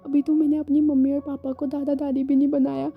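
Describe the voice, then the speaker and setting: A woman's voice: sits high, steady tone, quick pace, lightly acted. A woman voicing a timid young man who stammers and repeats words in fear. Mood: panicked. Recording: dull lo-fi sound, faint music.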